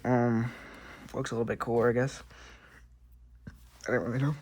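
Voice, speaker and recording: A man's voice: medium pitch, little pitch movement, normal speed, a little mellow, slight background noise. Man muttering while fitting server parts. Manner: muttering to himself while working. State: breathing hard. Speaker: tech vlogger. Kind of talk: casual hands-on narration.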